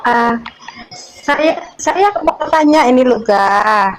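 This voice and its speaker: Forties lady calling in, rambles on, keeps saying his name, slightly high voice, faint hiss. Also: expressive, poor audio. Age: 40s. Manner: chatty, keeps repeating the host's name, slow and rambling. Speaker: caller. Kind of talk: casual live-stream chat.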